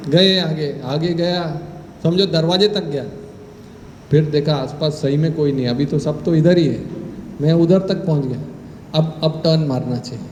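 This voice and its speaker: A man giving a Hindi scripture talk in a temple hall, telling personal stories and acting out the dialogue with lively energy. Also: fairly high pitch, a little slow, slight background noise. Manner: animated storyteller who acts out dialogue. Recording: echoey hall with faint ambience.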